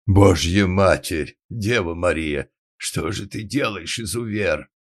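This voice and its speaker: A man voicing a huge, loud middle-aged lady who roars and then coos in baby talk. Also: lowish voice, lively intonation, normal speed, voice pushed up. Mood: outraged.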